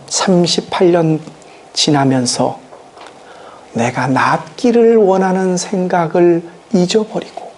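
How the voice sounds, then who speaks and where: A pastor delivering a sermon in a measured, deliberate way. Phrases come in short, weighty pieces, with pauses left to sink in, and questions are posed to the listeners. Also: mid-range voice, a little mellow, a little hiss or hum. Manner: slow, emphatic delivery with dramatic pauses; asks the congregation rhetorical questions.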